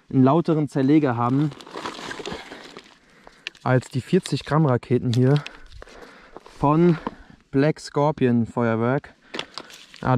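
This is a young man hosting a fireworks video, speaking in a mid-range voice with a darkish tone over slight background noise. Standing on open dirt ground outdoors as dusk falls, he reviews fireworks and chats straight to his viewers, recorded with an action camera.

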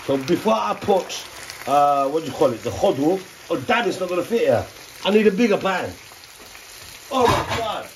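A middle-aged man with a high, animated voice chats at a moderate pace while cooking in his home kitchen, a vlogger thinking aloud, joking and asking himself questions. The camera sits over his shoulder and moves around the counter, catching faint background noise and the sound of frying.

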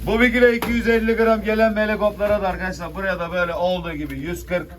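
A man's voice: sits high, level tone, very fast. A man working as a fish auctioneer, calling out weights and rising bids in a chant to buyers he addresses familiarly. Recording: distant noisy mic with clicks, birds.

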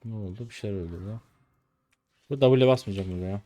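A man's voice: fairly low pitch, fast, dark tone, soft background music. A man in his twenties streaming a game live, ranting at his teammates in an irritated, cursing way. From Turkey. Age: 20s. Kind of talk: live gameplay commentary.

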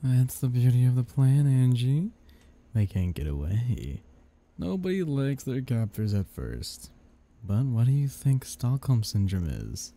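A man's voice: mid-range voice, big pitch swings, a little slow, mellow. A man playing a sly, coaxing male devil who schemes with playful menace in an ASMR audio role-play. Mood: smug.

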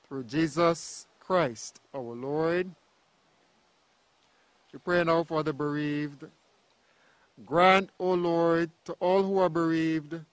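A man leading a funeral committal, reading liturgical prayers in a slow, solemn, measured cadence. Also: high voice, no echo, low-quality recording.

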